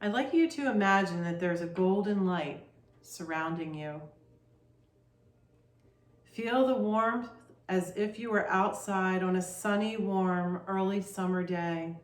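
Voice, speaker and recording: Slow, soothing woman guiding meditation. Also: mid-range voice, echoey room. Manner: soft, slow, soothing instructions. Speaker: meditation guide. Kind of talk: guided meditation.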